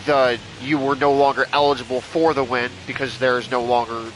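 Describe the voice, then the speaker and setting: A young man live-streaming a baseball video game, chatting casually with his viewers, excitable and swearing freely. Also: medium pitch, a little fast, faint music behind. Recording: noisy background.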